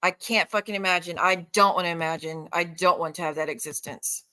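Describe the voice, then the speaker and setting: Her voice sits on the low side and stays steady, moving fairly quickly with a bright, forceful edge. This woman is an online streamer delivering an off-the-cuff live rant straight at her viewers, full of sarcasm, confrontation, and heavy swearing.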